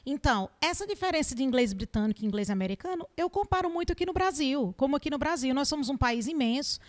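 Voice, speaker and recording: A woman English teacher with a Northeastern Brazilian accent, giving animated interview answers full of examples and rhetorical questions. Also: sits high, quick pace. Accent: Northeastern Brazilian Portuguese.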